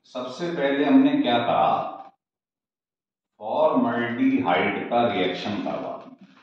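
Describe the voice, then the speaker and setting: Male chemistry teacher, lively pitch, unhurried delivery; repeats steps and quizzes the class; distant, dull mic in an echoey room. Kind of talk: classroom lecture at a board.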